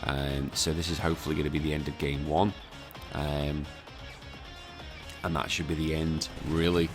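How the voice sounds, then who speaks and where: A young British man with a very low voice commentates on a game in a casual way. He keeps it quiet and subdued, as if recording late at night, with music clearly playing behind him. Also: flat delivery, normal speed. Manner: subdued, hushed voice kept down at night. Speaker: gaming content creator. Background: clear background music.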